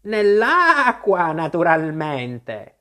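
A reader voicing a grumpy old female sheep who scolds slowly while she knits, in a storybook reading. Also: sing-song, pushed and bright, exaggerated voice. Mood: scolding. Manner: slow, high and scolding.

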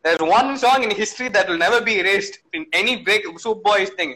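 A man's voice: sits high, fast talker, bright, forceful tone, rough recording. A man with a South Indian accent from Tamil Nadu, chatting casually and emphatically about film music, switching between English and Tamil.

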